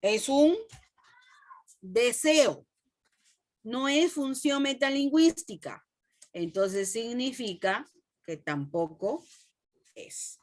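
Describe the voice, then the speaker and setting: A woman with a Peruvian Spanish accent teaching a class, asking the students questions and repeating phrases slowly. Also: on the high side, expressive, darkish tone. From Peru. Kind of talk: classroom lesson.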